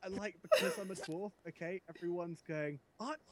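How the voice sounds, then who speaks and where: A British man on a gaming podcast, gushing over a game and telling stories with squealing excitement. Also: high voice, moderate pace, crowd noise. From Britain. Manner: gushing, excitable storyteller who squeals with delight. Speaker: podcast co-host. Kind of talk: casual gaming podcast chat.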